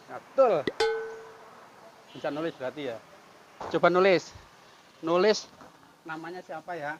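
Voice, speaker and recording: A man talks calmly and coaxingly to someone on a roadside, repeating soothing phrases. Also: on the high side, a little slow, highs cut off. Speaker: volunteer caring for a homeless man. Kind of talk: filmed street outreach, talking to a man on camera. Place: roadside outdoors near a market. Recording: outdoor traffic and insect noise.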